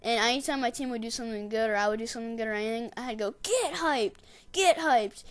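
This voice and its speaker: A woman casually narrating her gameplay in a rambling, digressive way, and getting excitable when she tells a story. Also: on the high side, rapid-fire, clean tone. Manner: excitable, shouts catchphrases when retelling. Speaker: gameplay commentator.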